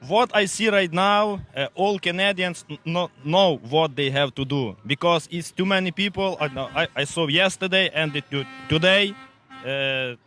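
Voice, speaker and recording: A man with a Ukrainian accent, a truck driver answering a street interview outdoors in halting English with many restarts. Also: a little high, pushed and bright, soft background music. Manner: halting non-native English with many repeats.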